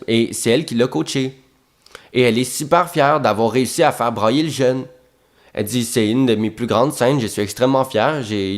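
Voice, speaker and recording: A young man with a Québécois French accent, an actor telling behind-the-scenes stories in an animated, profane way, repeating words for emphasis. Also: mid-range voice. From Quebec. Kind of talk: casual storytelling monologue.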